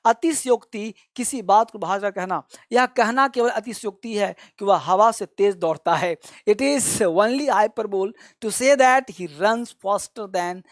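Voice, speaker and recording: With a fairly high voice, this man talks slowly and pauses little, and the recording is dry and studio quality. He leads an English vocabulary class, repeating each word so his students can say it after him, and he fondly calls them his children.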